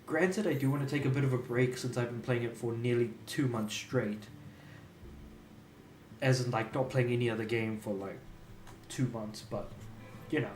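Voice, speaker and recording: A man's voice: mid-range voice, steady tone, normal speed, long pauses, darkish tone, slight background noise. A young man from Australia, chatting casually and rambling while streaming a game. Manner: rambling, laid-back, self-amused. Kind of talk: casual live-stream chat. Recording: echoey room.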